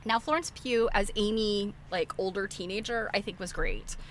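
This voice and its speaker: A middle-aged woman hosts a live internet stream, chatting informally and rambling through opinionated film commentary. She speaks at medium pitch and a normal speed, with a little hiss or hum.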